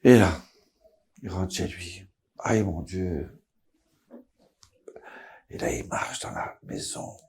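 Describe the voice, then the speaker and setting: A man, a rabbi, tells a story dramatically and drops to a hush at tense moments. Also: deep voice, sing-song, takes it slowly, pauses often, slight background noise.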